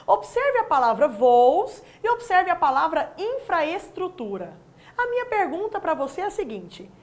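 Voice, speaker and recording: A woman teaching a recorded distance-learning lesson, asking the viewer questions and answering them with friendly tag questions. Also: high-pitched. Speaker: Portuguese language teacher.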